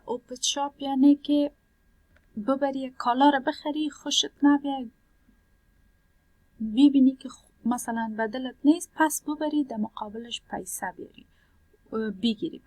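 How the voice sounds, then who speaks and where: A woman's voice: sits high, no echo, low-quality recording. Patient woman teacher, dry close sound. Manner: patient, repeats points and translates word by word. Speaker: language teacher. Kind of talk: explaining a worksheet in a lesson.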